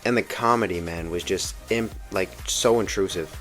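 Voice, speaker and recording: A young man hosts a video essay reviewing a film, offering casual, slangy commentary with a fan's earnest enthusiasm. He has a low voice and talks at normal speed. Background music runs behind him.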